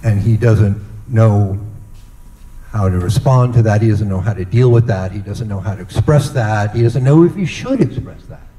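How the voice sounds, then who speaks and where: A middle-aged man giving a humorous father of the bride speech, telling stories slowly with deliberate dramatic pauses. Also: on the low side, dark tone, reverberant, poor audio.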